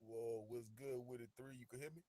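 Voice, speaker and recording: A man's voice: mid-range voice, flat delivery, fast, warm tone. A man calling into a live stream panel, talking in laid-back street slang. His phone is held away from his mouth, so he sounds faint and distant. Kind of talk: casual chat.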